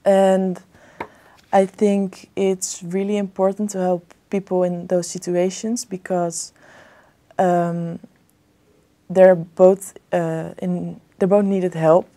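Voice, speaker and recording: A woman's voice: lowish voice, level tone, takes it slowly, dark tone. A young woman from the Netherlands, answering exam questions hesitantly with many fillers and restarts. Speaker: exam candidate. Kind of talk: spoken English exam answers.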